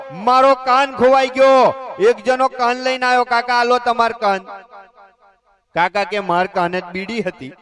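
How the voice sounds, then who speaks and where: A man's voice: very high-pitched, fairly bright tone. A man with a Gujarati accent performing live stand-up comedy, telling folksy stories and acting out the other people in them. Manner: folksy storytelling, voicing others in dialogue. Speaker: comedian and stage host.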